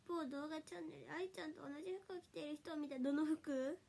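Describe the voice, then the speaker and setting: A high-voiced young woman talks on a livestream. Her voice is nasal and stuffy from a summer cold, and she giggles through her casual chat. Faint noise sits under the recording. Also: quick pace, gravelly, darkish tone. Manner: giggly and playful, frequent laughter. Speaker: idol livestreamer.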